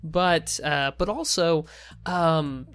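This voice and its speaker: A man's voice: a little high, very slow, fairly bright tone, smooth. A man co-hosting a podcast in casual chat, explaining things in a hesitant, rambling way. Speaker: podcast co-host.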